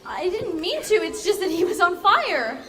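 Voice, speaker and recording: A woman's voice: very high-pitched, big pitch swings, moderate pace, fairly bright tone, full character voice. Woman playing an earnest young girl on stage. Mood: polite. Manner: earnest, pleading. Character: earnest young girl, frightened but brave. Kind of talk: stage play acting. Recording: echoey hall from far off, music.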